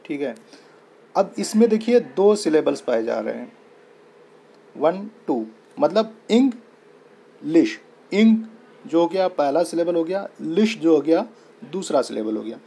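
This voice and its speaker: Husky-voiced Indian man teaching a lesson. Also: a little high, lively intonation, normal speed, mellow. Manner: patient, repetitive, spells words out letter by letter. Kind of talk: explaining lesson in Hindi-English mix.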